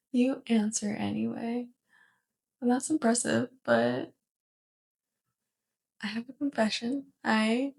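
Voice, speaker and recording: In an ASMR roleplay, a woman plays a curious, polite, awkward alien roommate, speaking softly in a stilted, over-formal, hesitant way. Her voice is a little high with vocal fry, heavily acted, and she sounds grateful.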